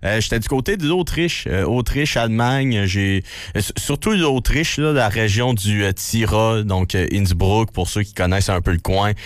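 Young Québécois man with a deep bass voice. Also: normal speed, dry recording, clean studio sound. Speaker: radio news reporter. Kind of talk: casual radio chat.

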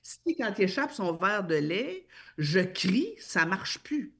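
A woman's voice: mid-range voice, big pitch swings, slow, fairly bright tone, slightly rough. Emphatic Québécois woman explaining. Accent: Québécois French. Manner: explanatory, emphatic, many fillers and repeats. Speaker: parenting speaker. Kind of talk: casual discussion.

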